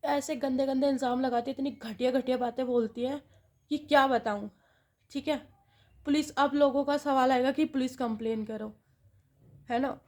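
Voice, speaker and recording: A young woman talking straight to her viewers about her troubles in an aggrieved tone. Her voice sits high yet sounds dark and mellow. She keeps asking rhetorical questions and then answers them herself. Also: steady tone, moderate pace. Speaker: vlogger. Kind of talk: venting to viewers.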